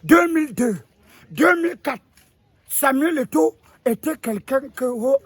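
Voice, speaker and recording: In a comedy sketch monologue, a man plays a pompous old self-styled spokesman of the ancestors, lecturing on national football while rambling and stammering as he sermonizes. He uses a full character voice that is very high, expressive, a little slow and fairly bright.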